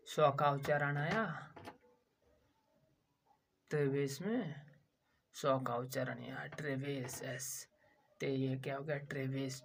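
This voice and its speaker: A man's voice: mid-range voice, gravelly, slight background noise. A man from India teaching a language lesson. He spells out words letter by letter, repeats each one, and asks questions that he answers himself. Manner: repetitive drilling of each word. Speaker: English teacher.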